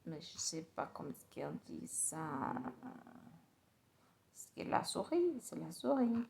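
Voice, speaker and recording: Slow, gravelly-voiced woman learning French. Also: low-pitched, sing-song, darkish tone, slight background noise. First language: Spanish. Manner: halting, repeats phrases, mutters to herself. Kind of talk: pronunciation practice.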